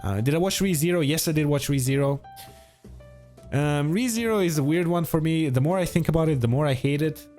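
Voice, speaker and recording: A man's voice: a little high, a little fast, a little mellow. A man in his twenties with a Croatian accent, chatting casually and with opinions as he answers viewers on a livestream. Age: 20s. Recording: music behind the voice. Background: music.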